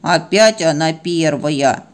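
A woman voicing a big, jealous, stubborn male dog in a slow, sulky way. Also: deep voice.

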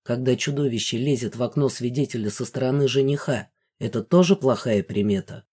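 Woman doing a dragon general, male, lowered deep voice, dry ironic tone, audiobook. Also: a little fast, a little mellow, slightly rough, close to an everyday voice. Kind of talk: audiobook character voice.

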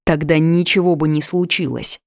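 A woman voicing an injured young man who speaks quietly and guiltily. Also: sits low, moderate pace, creaky, no room sound, clean studio sound. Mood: guilty.

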